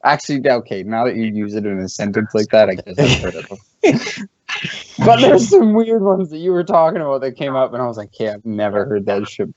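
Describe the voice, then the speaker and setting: A man's voice: medium pitch, very animated, a little fast, darkish tone, dry recording. Male host, casual profane banter, dry muffled stream audio. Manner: loose, profane, mimics friends. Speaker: podcast host. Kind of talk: casual gaming chat.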